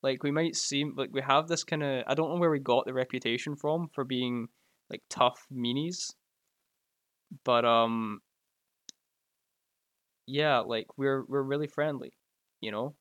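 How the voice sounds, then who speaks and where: A man's voice: medium pitch, steady tone, measured pace, long pauses, a bit bright, dry recording, dull audio. Chatty Glaswegian man, dry close mic. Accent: Scottish, Glaswegian. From Scotland. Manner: chatty and joking, laughs often. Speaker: live streamer reading chat. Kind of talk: casual live-stream chat. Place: at home by his computer. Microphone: close mic right in front of the mouth.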